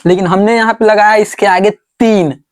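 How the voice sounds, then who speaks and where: A man teaching a board lesson, asking the class questions and answering them himself, and repeating words slowly as he writes. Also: sits high, fairly even intonation.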